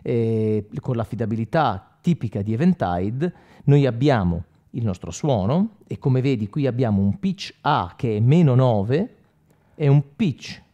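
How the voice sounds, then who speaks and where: A man in his forties teaches guitar casually, demonstrating gear while speaking right to the viewer and checking in with quick questions as an electric guitar with effects plays. His voice is medium-pitched and mellow with lively intonation, a little slow, and the recording's highs are cut off.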